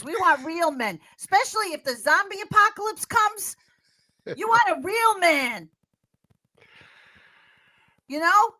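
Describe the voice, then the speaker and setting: An American woman giving animated political chat as a podcast guest, fiery and sarcastic, mocking others in squealing voices. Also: sits high, rough recording. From United States. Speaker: podcast guest, social media commentator.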